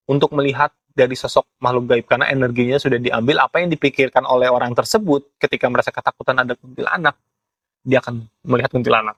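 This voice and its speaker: A young man with a Jakarta Indonesian accent explains things in casual chat, haltingly, often searching for words. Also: medium pitch, a bit bright, no echo. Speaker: ghost photographer being interviewed.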